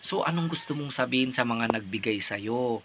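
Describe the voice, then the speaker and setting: A man with a Filipino accent, talking to a girl and her grandfather as he hands out gifts on a vlog, warm and coaxing, slipping in English words. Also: medium pitch, lively intonation, normal speed, poor audio. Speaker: vlogger handing out donated goods. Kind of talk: casual talk to family and camera. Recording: music playing loudly behind.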